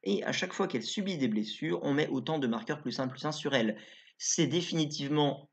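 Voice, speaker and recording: A YouTuber with a high, gravelly voice and lively intonation reviews game cards at a brisk pace, chatty and informal, thinking aloud as he goes. The recording is slightly dull and lo-fi.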